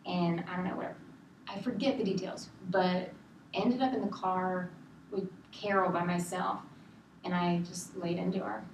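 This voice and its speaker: A woman in a counseling session, telling a story in an animated, exasperated way and acting out other people's lines. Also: lowish voice, moderate pace. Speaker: counseling client. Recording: echoey room, mic at a distance, clear background hiss.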